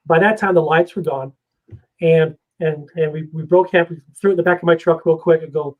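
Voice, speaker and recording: A man, a guest investigator, telling a story in a casual, animated way and acting out the scenes. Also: fairly high pitch, brisk, narrow, tinny audio.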